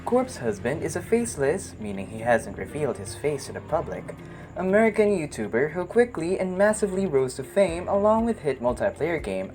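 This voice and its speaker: A woman's voice: sits low, darkish tone. A woman reading scripted documentary narration in a formal, carefully worded manner.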